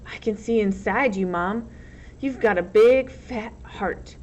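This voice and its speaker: A woman's voice: mid-range voice, slow pace, close to an everyday voice. A woman voicing a cheeky, streetwise teenage camp boy with a casual, teasing manner in a story reading. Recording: muffled lo-fi recording, loud background noise.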